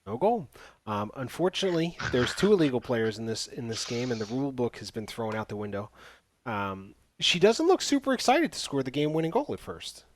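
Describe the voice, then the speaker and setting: A man's voice: mid-range voice, sing-song, brisk, a little hiss or hum. A man hosting a casual podcast, recapping a movie's plot with sarcastic asides. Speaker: podcast host. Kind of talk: casual movie review chat.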